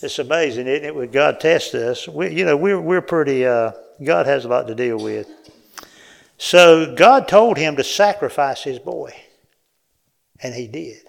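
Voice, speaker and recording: A man preaching a sermon in a folksy, animated way, often asking the congregation questions. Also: on the high side, a little slow, creaky.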